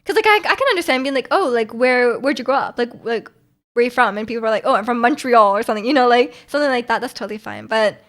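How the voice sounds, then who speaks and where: With a fairly high, expressive voice, a streamer from Canada reads out what her viewers write and talks with them in a relaxed way. She fills her sentences with "like" and keeps breaking into short laughs.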